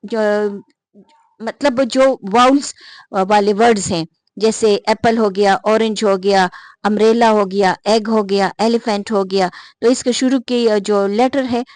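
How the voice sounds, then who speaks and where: A woman teaching English grammar who keeps asking and answering her own questions and reads example sentences slowly. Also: mid-range voice, fairly even intonation, darkish tone, dry recording. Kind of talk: explanatory grammar lesson.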